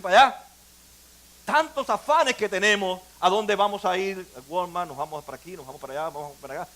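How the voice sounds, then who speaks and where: Older man, pastor, very high voice; emphatic church sermon with quiet asides and sudden loud rises.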